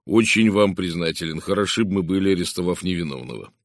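A man voicing a brisk, hearty middle-aged police inspector who talks loudly and with energy. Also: sits low, animated, no room sound, studio quality.

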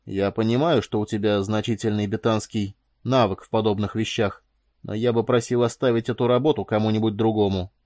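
A man's voice: lowish voice, steady tone, a little fast, darkish tone, no room sound, clean studio sound, natural voice. A man reading an audiobook, voicing a stern officer whose voice is cold and cutting. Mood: icy. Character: icy, stern male officer.

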